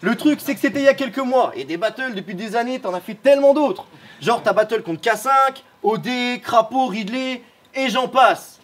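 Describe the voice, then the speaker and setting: A man's voice: very high-pitched, moderate pace, a bit bright. A man battle-rapping a cappella at a live event, mocking his opponent with punchlines. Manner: mocking, punchline-heavy delivery. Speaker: battle rapper. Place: live event before a crowd.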